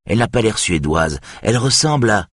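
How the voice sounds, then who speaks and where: A man doing a sly raspy old TV host. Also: fairly low pitch, expressive, a little fast, fairly bright tone, no echo, clean studio sound, pitched above the performer's own voice. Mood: mocking. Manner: taunting, mocking. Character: sly, capricious older male ex-TV host.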